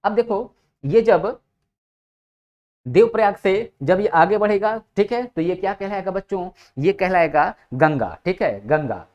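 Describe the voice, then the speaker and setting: A male teacher with a high, animated voice and a slightly slow delivery gives an exam-prep geography lesson, calling his students children. He poses questions and answers them himself, repeating key words again and again and checking in with frequent "ठीक है"s. The audio is dull and lo-fi.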